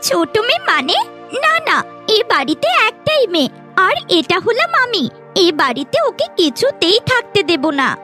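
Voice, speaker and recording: A woman voicing a spoiled, rude young village girl in a cartoon, with a shrill, bratty manner. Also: very animated, normal speed, pushed and bright, faint music behind, full character voice. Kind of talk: cartoon voice acting.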